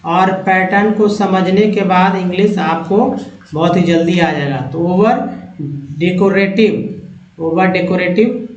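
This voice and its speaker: Male tutor from India, slow drilled delivery, lo-fi echoey recording. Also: high-pitched. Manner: repeats each word slowly, spells out letters. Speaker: English teacher. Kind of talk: slow word-by-word vocabulary lesson. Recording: echoey lo-fi room.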